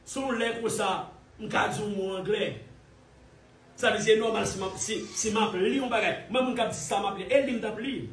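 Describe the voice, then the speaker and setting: Scornful high-voiced Haitian man, roomy sound. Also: normal speed, slight background noise. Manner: mocking, scornful, repetitive. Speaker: commentator. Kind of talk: heated online commentary. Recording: roomy echo, distant from mic.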